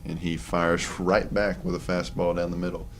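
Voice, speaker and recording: Brief: young male play-by-play caller, deep low voice, laid-back chatty asides, faint hiss behind. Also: normal speed. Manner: relaxed, chatty, offhand asides between pitches. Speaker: play-by-play announcer. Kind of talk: sports commentary.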